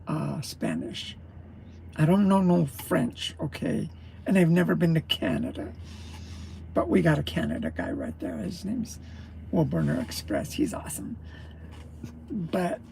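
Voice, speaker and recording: On a laid-back morning livestream, a truck driver greets his viewers and rambles while chewing his breakfast. His gravelly voice is a little high and a bit mellow, with slight noise in the background.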